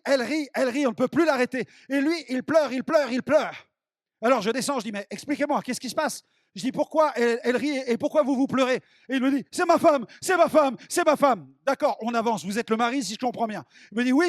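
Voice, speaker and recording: High-voiced French preacher building to shouts. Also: male voice, no room sound, studio quality. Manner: emphatic, builds to shouting peaks; acts out dialogue in his stories. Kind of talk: evangelistic sermon with personal stories.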